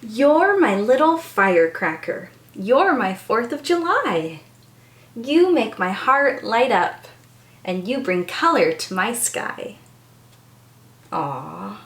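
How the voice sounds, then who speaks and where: Like a teacher leading storytime, an American woman reads to young children in a high, very animated voice, bubbly and enthusiastic with an exaggerated child-directed delivery. She goes slowly, and the room gives off a clear echo.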